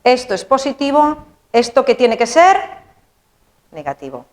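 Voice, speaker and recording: Woman teacher, animated and playful, slow pace, pitch leaps all over. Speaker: English teacher. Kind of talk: explaining English grammar.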